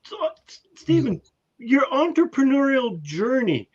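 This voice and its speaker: A man co-hosts a podcast, asking his guest a rambling question with many restarts. His voice sits unusually high for a man. The recording sounds dull and lo-fi. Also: very animated, husky. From Canada. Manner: halting, restarts and repeats words. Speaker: podcast co-host. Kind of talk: interview question. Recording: dull lo-fi audio.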